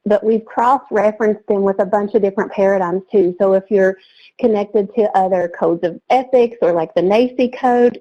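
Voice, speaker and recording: A woman presenting a training webinar in an energetic, chatty way, laughing easily. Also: medium pitch, dull audio.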